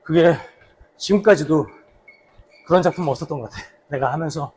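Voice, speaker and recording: Male vlogger, slightly high register, a bit raspy, chatting casually and recalling old work as he jogs along. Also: darkish tone. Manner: talking while slow running. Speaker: actor, vlog host. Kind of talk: casual vlog reminiscing about a past drama role.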